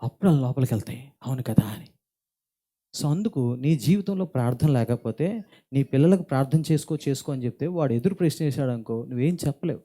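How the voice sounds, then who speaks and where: A middle-aged man from India, preaching a church sermon in an earnest, deliberate way that builds in intensity. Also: mid-range voice, lively intonation, mellow. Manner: earnest, speaks slowly and deliberately, rising in intensity. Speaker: pastor. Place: church hall.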